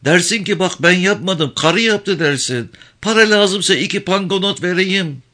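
Man doing a worn-out old village mum, high teary voice, plaintive wailing tone in a read-aloud story. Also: normal speed, pushed and bright. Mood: tearful lament. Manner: plaintive, tearful lament.

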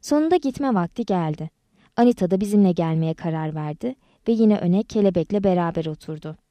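Mellow-voiced woman reading a story. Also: lowish voice, no echo. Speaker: audiobook narrator. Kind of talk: scripted storybook narration.

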